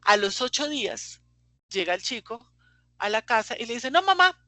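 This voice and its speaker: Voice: mid-range voice, moderate pace, sharp tone, no room sound. A middle-aged psychologist, giving a talk to parents and explaining through stories and tag questions. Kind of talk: conference talk with anecdotes.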